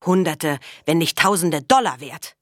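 A woman's voice: fairly low pitch, expressive, moderate pace, fairly bright tone, no room sound, studio quality. A woman reading the part of a mocking, greedy male farmer in a storybook. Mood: indignant. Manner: mocking, indignant.

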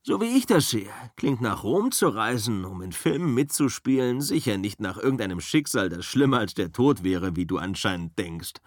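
A man reading an audiobook, voicing a calm, easygoing male driver and stunt double who talks matter-of-factly. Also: fairly low pitch, normal speed, few pauses, no room sound, clean studio sound. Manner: easygoing, soothing, matter-of-fact. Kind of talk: audiobook character voice.

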